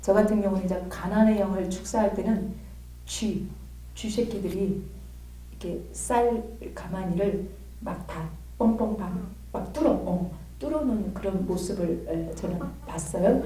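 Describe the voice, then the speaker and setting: A woman's voice: medium pitch, normal speed, dark tone. Woman lecturing in a roomy hall. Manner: chatty, conversational, checks in with listeners. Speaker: theology lecturer. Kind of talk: classroom lecture. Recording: roomy, from a distance.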